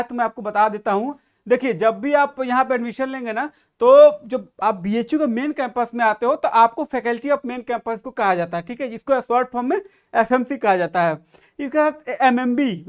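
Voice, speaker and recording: High-voiced man explaining at a board. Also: clean tone. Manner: direct, repeatedly checks in with listeners. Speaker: admissions guidance YouTuber. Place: room with a whiteboard.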